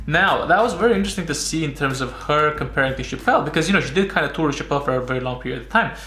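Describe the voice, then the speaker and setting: This Romanian man's voice sits on the high side, expressive, rapid-fire, pushed and bright. A YouTube comedy reviewer and comedian, he delivers casual, analytical review commentary, repeating and rephrasing himself and often tagging sentences with "right?". Music plays behind him in a room with an echo.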